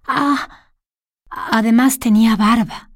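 A woman's voice: fairly high pitch, fairly even intonation, slow, no room sound, clean studio sound. A woman voicing a flustered, remorseful middle-aged lady in a storybook reading, talking fretfully and repeating herself. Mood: distressed.

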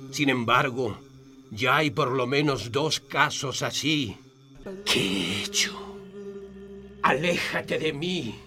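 A man's voice: medium pitch, sharp tone. A man playing an anguished, self-blaming doctor who has gone blind, in an audio drama. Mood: anguished, panicked.

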